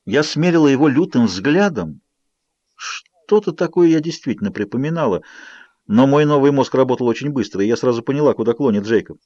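A man narrating an audiobook in an expressive, measured first-person reading. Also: medium pitch, no room sound, highs cut off. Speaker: audiobook reader.

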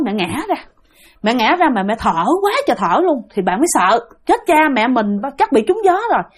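A woman telling a ghost story in a chatty way, talking straight to her listeners. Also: a little high. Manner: chatty, addresses listeners directly. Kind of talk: spoken ghost story narration.

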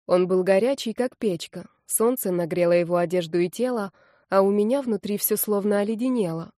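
A woman's voice: mid-range voice, a little fast, mellow, no room sound. A woman tells a story in the first person, narrating an audiobook expressively. Her voice sits in the middle range. The recording is close and dry.

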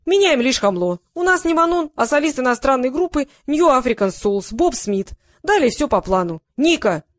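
A woman voicing a brash young female TV producer who barks loud, rapid orders. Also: sits high, big pitch swings, dry recording, clean studio sound, pitched above the performer's own voice. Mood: bossy.

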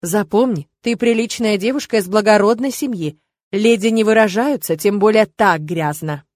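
A woman reading the part of a young noble husband in an audiobook, patient and reproachful, talking firmly but tenderly. The voice sits at middle pitch in a dry, close recording. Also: moderate pace, darkish tone, no echo, close to an everyday voice. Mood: firm coaxing.

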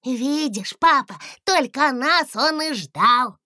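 A woman's voice: mid-range voice, animated, slow pace, pushed and bright, dry recording, studio quality. A woman voicing a cheerful, eager little dragon boy. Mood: shouting.

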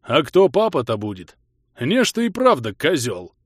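A man's voice: medium pitch, huge pitch swings, normal speed, no echo, studio quality, voice pushed up. A man voicing a huge bearded male giant, jovial and teasing in folksy speech.

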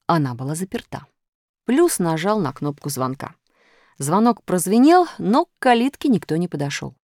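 A woman narrating a children's storybook in an expressive way. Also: on the low side, normal speed, no echo, clean studio sound. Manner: lively, expressive. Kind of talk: audiobook narration.

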